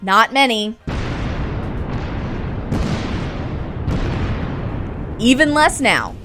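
Casting: actress for a hard-bitten female survivor boss in audio drama, sharp higher voice, forceful and sardonic. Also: lively intonation, unhurried, faint music behind. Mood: defiant, sardonic. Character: tough, commanding, foul-mouthed female survivor leader.

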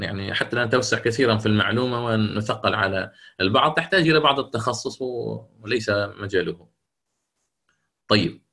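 A man's voice: medium pitch, fairly bright tone. Man patiently teaching a recitation lesson. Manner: deliberate, repeats key points. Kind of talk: classroom lecture.

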